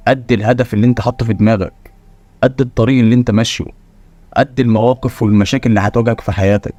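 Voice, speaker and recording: A man's voice: on the low side, darkish tone. A man with an Egyptian Arabic accent hosting a motivational channel, talking bluntly and preachily to the viewer and firing rhetorical questions.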